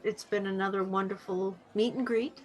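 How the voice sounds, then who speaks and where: A woman co-hosting a podcast in casual chat, playful and quick to agree. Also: mid-range voice, steady tone, faint music behind, low-quality recording. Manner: brief agreeing interjections, playful. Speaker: podcast co-host.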